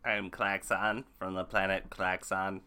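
A stranded alien booms out his lines in a stiff, formal, pompous way, as a man puts him on for a comedy podcast. The voice sits fairly low and moves slowly. It has a hard, very bright edge. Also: little pitch movement, full character voice. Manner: loud, stiff, formal announcer-like delivery. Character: pompous male alien stranded after a crash. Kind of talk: improvised comedy role-play.

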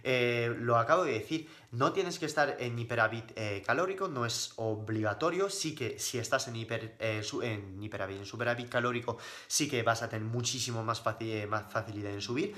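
A man from talks casually on a livestream, answering viewers' questions. His voice is bright and forceful at an ordinary middle pitch. He keeps explaining step by step, repeating himself and tagging sentences with quick checks. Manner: explanatory, repeats points, frequent fillers and tag questions.

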